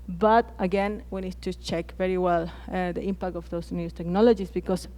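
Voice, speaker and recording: A woman from Chile with a Chilean Spanish accent, speaking English as a second language on a conference panel, pausing often and restarting her phrases. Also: lowish voice, flat delivery, warm tone. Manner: hesitant, frequent restarts and fillers.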